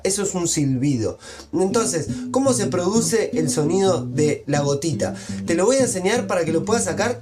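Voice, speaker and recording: A man teaching body percussion, explaining each step clearly in a tutorial. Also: sits high. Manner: clear step-by-step explaining, vocalizing rhythm syllables. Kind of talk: instructional tutorial.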